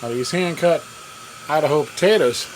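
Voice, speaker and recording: Speaking at a normal speed in a fairly high voice, a cooking vlogger fries fish in a camper kitchen with a propane cooker. He chats folksily and casually, sometimes with his mouth full. This casual vlog is a noisy home video, with frying and boiling water in the background.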